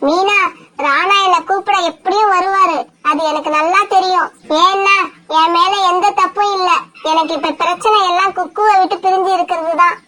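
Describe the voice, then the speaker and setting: A woman voicing a gentle mother sparrow in a cartoon, pleading and tearful. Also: extremely high pitch. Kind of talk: cartoon voice acting.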